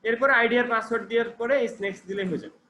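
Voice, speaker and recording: Speaking very fast in a very high-pitched, bright, forceful voice, a Bangladeshi computer trainer walks his student through a lesson step by step, checking in often. The training center classroom echoes, and there's faint background noise.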